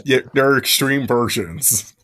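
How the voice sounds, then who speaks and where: A man's voice: medium pitch, slow, sharp tone. A man co-hosting a podcast, reading and joking in a rambling way, often restarting his sentences. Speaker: podcast co-host. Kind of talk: casual chat and reading aloud.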